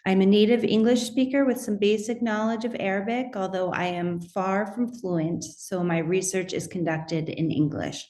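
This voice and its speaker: A middle-aged woman giving a conference presentation on her research, methodical and measured, with occasional fillers and restarts. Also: mid-range voice, steady tone, darkish tone. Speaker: academic researcher presenting at a symposium. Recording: roomy echo.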